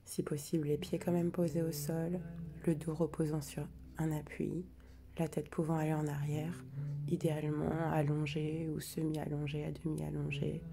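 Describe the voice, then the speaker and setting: A woman leading a live guided meditation, speaking softly and slowly and drifting into whispers at times. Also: deep voice, level tone, vocal fry, noisy background. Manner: soft, slow, partly whispered delivery.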